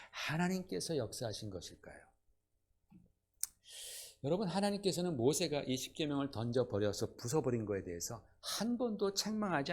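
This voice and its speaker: A man preaching a Sunday sermon in a church, lively, often putting questions to the congregation. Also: medium pitch. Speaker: pastor. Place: church sanctuary.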